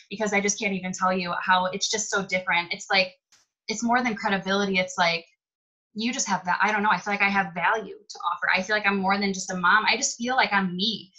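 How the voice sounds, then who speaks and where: A woman's voice: medium pitch, sharp tone, highs cut off. A woman on a video call telling her own story, rambling and heartfelt. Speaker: guest on a team video call. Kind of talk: personal testimony.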